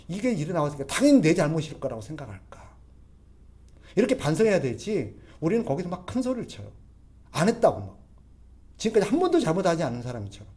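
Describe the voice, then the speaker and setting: A man's voice: a little high, a little mellow. A man preaching a conversational sermon as pastor, constantly putting rhetorical questions to the congregation and drawing on everyday examples. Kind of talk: expository sermon.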